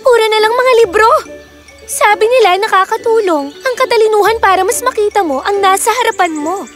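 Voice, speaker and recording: A woman's voice: very high voice, music in the background. A woman voicing a boastful, cheerful tall noble girl of fourteen with a teasing, giggly manner in a storybook cartoon. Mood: mocking. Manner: teasing, giggly, drawn-out delivery.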